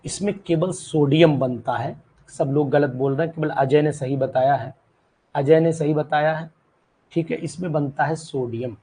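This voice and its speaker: A man's voice: on the high side, moderate pace, dark tone, breathy edge, low-quality recording. A male chemistry teacher giving a live online class. He quizzes students by name and repeats key terms, mixing in English words.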